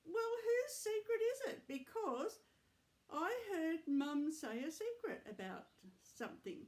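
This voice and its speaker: A woman's voice: very high-pitched, sing-song, a little slow, a little mellow, pitched above the performer's own voice, full character voice. A woman voicing an eager little girl who teases in a singsong way about a secret. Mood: teasing.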